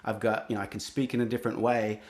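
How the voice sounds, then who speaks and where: In a reflective interview, a young Australian singer-songwriter answers earnestly but haltingly, restarting many of his sentences. His voice is lowish and darkish in tone, with little pitch movement.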